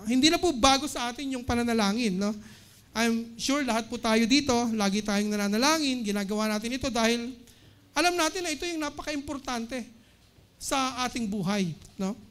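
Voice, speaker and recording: A woman with a Filipino accent preaching a sermon in a church service, mixing Tagalog and English, tagging phrases with "no?" and reading Bible verses slowly and emphatically. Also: on the high side. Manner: Taglish, frequent tag "no?" after phrases.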